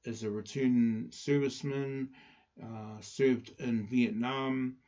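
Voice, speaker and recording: A man with a Māori New Zealand accent hosting a casual live chat, speaking haltingly with many pauses. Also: medium pitch, steady tone, mellow. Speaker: livestream host presenting a community project. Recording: dull lo-fi livestream audio.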